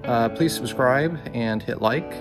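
A man hosting a casual flying vlog, introducing it in halting, unscripted phrases. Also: medium pitch. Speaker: pilot and video host. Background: guitar music.

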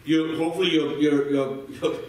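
High-voiced male preacher in echoey sanctuary. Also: steady tone, moderate pace, darkish tone, recorded from a distance. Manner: repeats words while building a point, prompts the congregation. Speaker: pastor. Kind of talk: sermon with call-and-response. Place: church sanctuary.

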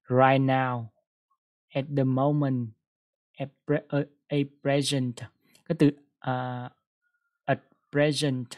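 A man's voice: mid-range voice, darkish tone, lo-fi sound. A man teaching an English grammar lesson in a casual classroom style, explaining patiently with frequent fillers and prompts to the class.

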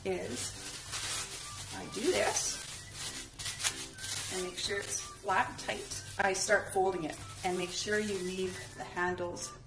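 A woman's voice: mid-range voice, little pitch movement, slow, pauses often, roomy sound, far from the mic, music in the background, rough recording. A middle-aged woman hosting a casual home how-to video, chatty with frequent ums, heard through old camcorder audio.

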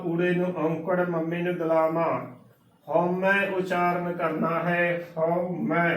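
A man's voice: high voice, distant mic. A man teaching the correct pronunciation of scripture, spelling out each letter and vowel mark carefully. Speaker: Sikh religious teacher. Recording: roomy sound from off-mic.

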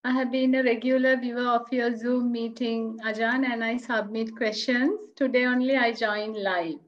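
High-voiced polite woman on a dull call. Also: steady tone, normal speed. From Sri Lanka. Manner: polite, careful questioning. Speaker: caller asking a question. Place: room at home.

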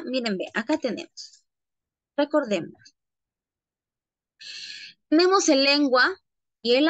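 A woman teacher, pitched high and speaking at an unhurried pace. She explains step by step and keeps checking that her students follow. The recording is dry and close, with no room sound. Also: pushed and bright, no echo. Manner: checks in often with "¿ya?"; addresses students as "chicos". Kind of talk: online classroom lesson.

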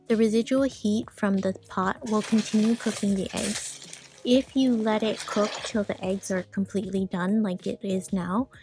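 A frugal cooking vlogger narrates a home cooking video in a mid-range voice. She gives calm, matter-of-fact voice-over instructions, explaining each step plainly.

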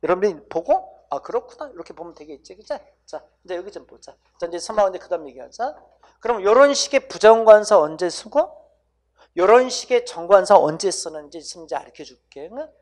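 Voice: medium pitch, lively intonation, a little fast, darkish tone. Chatty exam-prep English teacher. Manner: casual banmal, keeps asking students "right?"; addresses students directly, coaxing them to repeat sounds.

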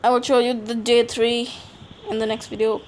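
A woman's voice: on the high side, flat delivery, moderate pace. A woman giving casual gameplay commentary as a scared horror game streamer, jumpy, exclaiming and swearing freely. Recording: clearly noisy home gameplay recording.

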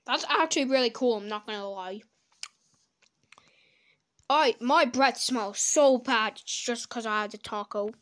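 Reacting to videos through a desk mic, a woman speaks a little slowly in a slightly high voice, with long pauses. Her casual commentary is crude and blunt, full of swearing and abrupt loud bursts.

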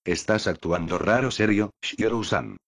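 A man's voice: on the low side, a little slow. A man voicing a tall, blunt young adventurer in an audiobook, speaking in a plain, matter-of-fact way.

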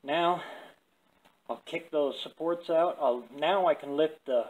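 Slow-talking older man, folksy, toothless diction. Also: a little high, a little mellow. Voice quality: slightly slurred, toothless diction. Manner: folksy, rambling, halting. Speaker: car builder and vlogger. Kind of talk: casual shop vlog, talking while working. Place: cluttered metal garage workshop, indoors. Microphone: camera a short distance away, later handheld. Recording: clearly noisy workshop ambience.

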